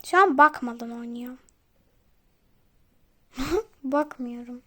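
A woman hosting a gaming channel, chatting excitably to her viewers as she plays. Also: on the high side, takes it slowly. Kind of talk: casual gameplay commentary.

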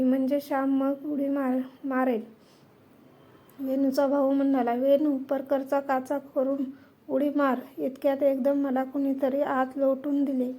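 High flat-voiced woman reading a story. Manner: steady first-person storybook reading with quoted dialogue.

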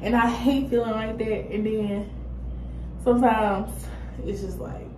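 A young adult woman chatting casually to the camera as she vents, halting and reflective, at home. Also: fairly high pitch, fairly even intonation, darkish tone. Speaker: vlogger. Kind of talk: casual chat, venting to camera. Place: small room at home, indoors. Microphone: phone or laptop at arm's length. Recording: roomy echo, clear background noise.

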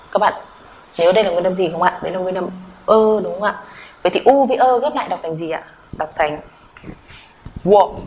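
A woman's voice: medium pitch, a little mellow, low-quality recording. A woman teacher runs a Korean vowel lesson at an easy, patient pace. She asks her learners questions, answers them herself and repeats each sound for them to copy. A faint hiss of noise sits under her voice.

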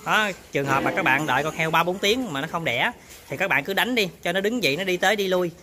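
A man's voice: sits high, animated, fast, bright, forceful tone. A man casually talks viewers through work in his pig barn, often turning to address them. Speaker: pig farmer vlogger. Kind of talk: casual on-farm demonstration.

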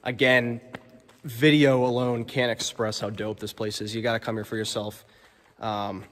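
A man's voice: medium pitch, level tone, moderate pace, a bit bright. A young man exploring an abandoned quarry cave, chatting to his phone camera with lots of fillers and amazement. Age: young adult. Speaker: explorer vlogger. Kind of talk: casual exploring vlog. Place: abandoned stone quarry cavern. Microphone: phone held at arm's length. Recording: long cavern reverb.

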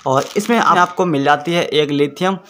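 A YouTube product reviewer in his 20s does a casual unboxing in a small, plain-walled indoor room, explaining each step repetitively. His voice is on the high side and fairly bright, delivered at normal speed, with slight background noise.

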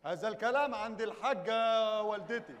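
Male actor as a high-voiced, fast, pompous prince with an Egyptian accent, live stage comedy in an echoey hall with a crowd. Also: very noisy, lightly acted. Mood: mock-stately. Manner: pompous mock-classical speech breaking into Egyptian street talk. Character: blustering self-important militant prince, adult man. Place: theater stage before a live audience. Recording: echoey theater hall with audience.

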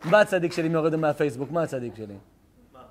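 A man's voice: a little high, expressive, a little hiss or hum. A man, a rabbi, giving a live Torah lesson to an audience, bantering affectionately with the crowd and turning heartfelt when he speaks of faith.

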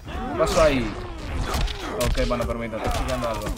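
A man's voice: medium pitch, a little fast, very noisy. A young man chatting casually as he streams a fighting game, greeting viewers by name and calling them bro. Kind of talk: casual live gaming commentary.

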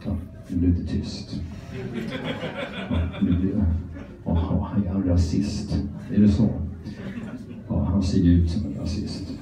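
A man's voice: deep voice, flat delivery, pauses often, a crowd in the background. A middle-aged Swedish man doing a crude, rambling, self-mocking stand-up routine, talking out of one side of his mouth. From Sweden. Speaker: stand-up comedian. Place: comedy club stage. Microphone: phone camera from the audience. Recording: echoey, distant, muffled phone recording.

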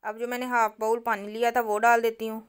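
A woman walks viewers through a recipe step by step, talking to them directly like a patient cooking host. Her voice is a little high and fairly even, with a smooth, clear tone, and though she speaks fast, her manner stays calm and instructive.

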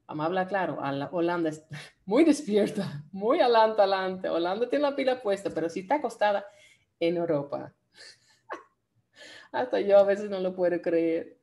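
A woman teaching an online language lesson, lively and playful, with a Dominican Spanish accent. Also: mid-range voice. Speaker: Dutch teacher.

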